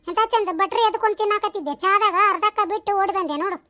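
A woman voicing bickering, gossipy village women in a cartoon, with a North Karnataka Kannada accent and quick, scolding banter. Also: very high-pitched, sharp tone, no room sound, clean studio sound. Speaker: voice of a cartoon series.

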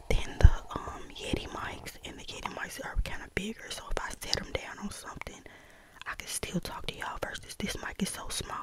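ASMR vlogger: American woman, soft whisper right in the ear, breathy, close-miked, casual and unhurried chat. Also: mid-range voice, poor audio. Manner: unhurried, chatty, close-up talking. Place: bedroom, indoors. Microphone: small desktop condenser mic held close.

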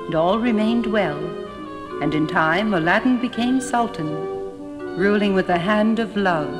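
A woman narrating a fairy tale in a measured storytelling manner. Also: mid-range voice, lightly acted. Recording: echoey hall, music behind.

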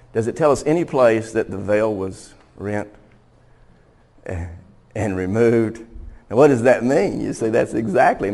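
A man's voice: fairly low pitch, darkish tone. A man preaching a Bible teaching sermon in a conversational way. He laughs now and then and often stumbles and restarts his sentences. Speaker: pastor.

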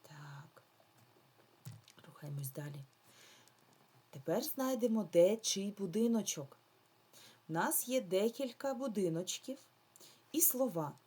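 A woman primary school teacher giving a slow, patient remote lesson to young children, drawing out her words. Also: medium pitch, lively intonation, dark tone, breathy edge.

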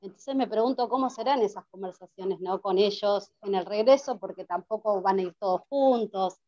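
A woman's voice: medium pitch, normal speed, mellow. Hesitant Argentine woman on a dull call. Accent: Argentine Spanish. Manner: hesitant, searching. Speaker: audience member asking a question. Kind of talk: video-call question.

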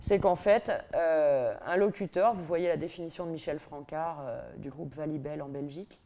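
Speaking from a lectern in a large hall, a middle-aged Parisian-accented woman delivers a university lecture with lively irony and mocking asides. Her voice sits low, and she keeps a moderate pace.

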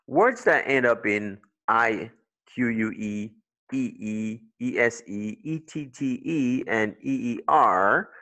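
A man's voice: lowish voice, creaky, fairly bright tone. A middle-aged man teaching English pronunciation rules, switching between English and French and checking in often with "okay".

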